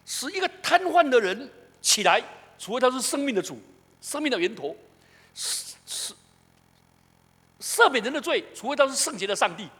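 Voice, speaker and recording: A man's voice: very high voice, moderate pace, pauses often, breathy edge. A middle-aged man with a Taiwanese Mandarin accent, preaching a sermon and asking his congregation questions. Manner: animated, asks the congregation questions. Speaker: pastor. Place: church sanctuary. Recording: echoey church hall.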